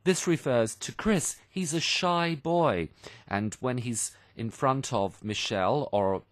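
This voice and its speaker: On the radio, a man who hosts the programme and teaches English walks listeners through phrases in a simple, didactic way, using examples and repetition. His mid-range voice is animated but slow-paced, and the studio recording is dry.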